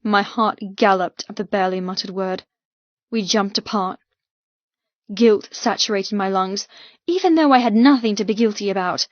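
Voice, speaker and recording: An audiobook narrator, a woman with a mid-range voice, reads dramatic first-person fiction with intense, emotional delivery at a normal pace. The audio is very dry, with no room sound, and sounds muffled and slightly dulled.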